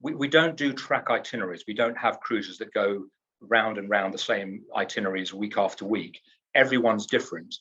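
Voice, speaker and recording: A man's voice: fairly low pitch, brisk, fairly bright tone, breathy edge, muffled recording. A man from the UK, a cruise line executive in a trade interview, talks up his company in an upbeat, salesy way and often restarts his words.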